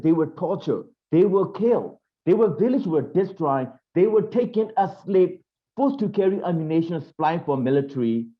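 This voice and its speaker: A man's voice: mid-range voice, highs cut off. A man from Burma in his fifties, a panelist giving earnest testimony in English with phrasing. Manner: earnest, non-native phrasing.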